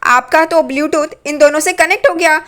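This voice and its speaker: A woman's voice: high-pitched, brisk, a bit bright, pitched above the performer's own voice. A woman voicing a playful young woman who teases her family, in a serial recap. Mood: amused.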